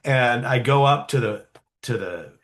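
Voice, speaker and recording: A man's voice: medium pitch, a little slow. Chatty man telling a childhood story. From California, USA. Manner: animated, acts out quoted voices, frequent fillers. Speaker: guest storyteller. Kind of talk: casual storytelling interview.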